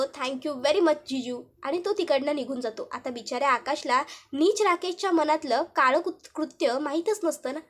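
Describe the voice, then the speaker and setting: A woman narrating a TV serial episode in a brisk storytelling manner. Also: sits high, a bit bright.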